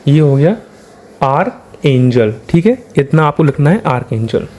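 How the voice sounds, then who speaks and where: A man's voice: on the high side, big pitch swings, brisk, dark tone, slight background noise. A man with an Indian accent teaching shorthand, explaining step by step and answering his own questions. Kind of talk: classroom-style lesson.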